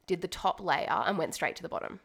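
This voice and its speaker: A young woman co-hosting a podcast, telling a long story in a rambling, animated way full of fillers. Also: on the low side, quick pace, slightly rough. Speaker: podcast co-host. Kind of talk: casual chat, storytelling. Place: home dining room.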